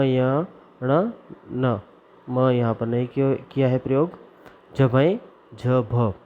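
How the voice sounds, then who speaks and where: A man teaching Sanskrit grammar, reciting the formulas slowly and deliberately and explaining where each sound is made in the mouth. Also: medium pitch. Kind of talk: classroom lesson. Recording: dull lo-fi recording.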